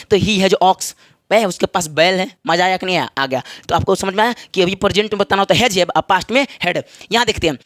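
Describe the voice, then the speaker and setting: Man, Bihari Hindi accent, high voice, dry close sound, chatty joking English teacher, repeats and checks understanding. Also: fairly bright tone, no room sound. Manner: chatty and joking, repeats and asks the class if they follow. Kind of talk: classroom lesson at a whiteboard.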